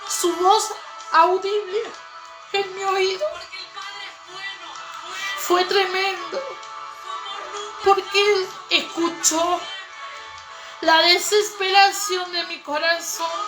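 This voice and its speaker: Fervent high-voiced woman testifying. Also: poor audio. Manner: fervent, pleading, repetitive. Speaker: preacher giving a testimony. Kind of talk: emotional faith testimony. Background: music.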